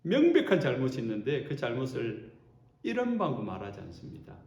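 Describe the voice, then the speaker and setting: A male pastor delivers an animated sermon, his mid-pitched voice swooping up and down with feeling. The sound is roomy, carrying the echo of a church sanctuary. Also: fairly quick, creaky. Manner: animated preaching, acting out quotes.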